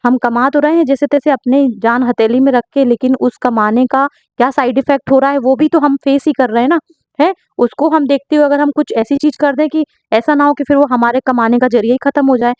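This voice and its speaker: Young woman, fairly high voice, earnest chatty manner, dull dry recording. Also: steady tone, a little fast, darkish tone, dry recording. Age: young adult. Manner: chatty, earnest, answers viewer questions with frequent "है ना?". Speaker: home baker. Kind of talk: casual Q&A vlog.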